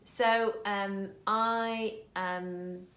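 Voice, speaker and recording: A woman's voice: mid-range voice, steady tone, extremely slow, fairly bright tone, reverberant. A woman from the Netherlands, a native Dutch speaker in her thirties, co-hosting a casual vlog in an earnest way, often restarting words. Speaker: vlog co-host, actor.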